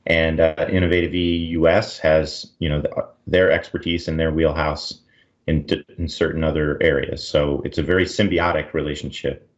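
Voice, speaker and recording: A man's voice: a bass voice, flat delivery, moderate pace, dull audio. A man co-hosting a podcast, upbeat and steering the talk with questions. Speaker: podcast co-host. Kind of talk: casual podcast conversation.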